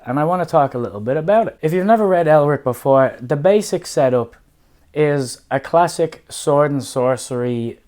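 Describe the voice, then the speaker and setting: Man, hoarse smoker's rasp, recovering from laryngitis, middle pitch, emphatic casual vlog reviewer. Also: a little mellow. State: hoarse, getting over laryngitis. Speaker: book review vlogger. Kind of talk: casual scripted-outline book review to camera.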